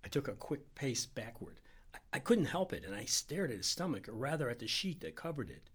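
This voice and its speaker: A man reading a short story aloud as a scripted narration, in a dramatic, expressive way. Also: mid-range voice, fairly quick, slightly rough. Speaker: reader.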